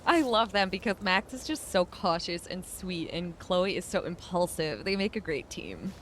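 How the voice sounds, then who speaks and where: A woman playing a video game and chatting casually about the characters as she goes, with warm, animated reactions. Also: fairly low pitch, normal speed, a little hiss or hum. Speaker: game streamer. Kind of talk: casual playthrough commentary.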